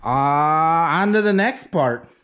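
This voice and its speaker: Soft background music plays as a man with an animated, somewhat bright voice on the high side talks slowly through his barn project. The homesteader vlogs a casual walk-through of the rural site and the wooden building's interior, rambling in a folksy, self-mocking manner.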